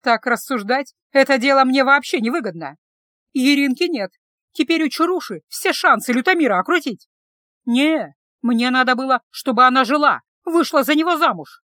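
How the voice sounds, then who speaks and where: A woman voicing a furious young village woman who shouts and scolds shrilly. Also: sits high, lively intonation, normal speed, dry recording, clean studio sound. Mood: furious, shrill.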